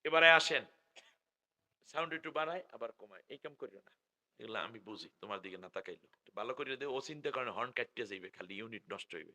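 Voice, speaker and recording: A middle-aged man with a Bangladeshi Bengali accent, preaching loudly through a stage microphone at a public gathering, joking with the crowd and drawing out his call phrases. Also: mid-range voice, expressive. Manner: loud, joking, drawn-out chanting of call phrases. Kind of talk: live sermon with crowd call-and-response. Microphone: stage microphone through loudspeakers.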